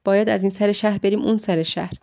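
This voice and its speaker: A woman voicing a loyal old male carriage driver who talks in a hurried, brisk way, in an audiobook story. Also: medium pitch, fairly even intonation, gravelly, a little mellow, close to an everyday voice.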